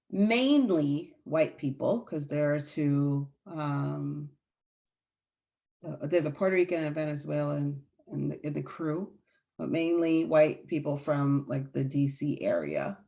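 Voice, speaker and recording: A woman's voice: low voice, creaky, warm tone. A woman co-hosting a casual rant, drunk and rambling, stalling and restarting as she talks. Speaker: podcast co-host.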